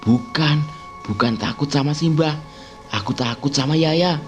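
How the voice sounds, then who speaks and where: A man's voice: on the high side, measured pace, highs cut off, voice pushed up, lightly acted. A man putting on a timid frightened child. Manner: hesitant, fearful pleading. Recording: music playing underneath.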